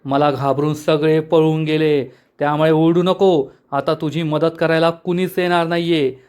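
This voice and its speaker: A man voicing a huge, greedy woman prisoner who bullies and demands things gruffly. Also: on the high side, level tone, moderate pace, darkish tone, natural voice. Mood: bossy.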